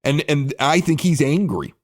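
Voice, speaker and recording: A man's voice: a little high, moderate pace. A man hosting a sports podcast, ranting in a heated, exasperated way. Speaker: podcast host. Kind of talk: casual sports podcast rant.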